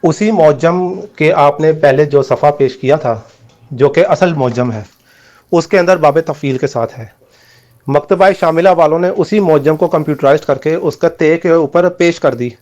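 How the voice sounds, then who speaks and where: A man's voice: fairly high pitch, darkish tone, dull audio. A man in a heated debate over voice messages, explaining his point steadily and accusing the other side.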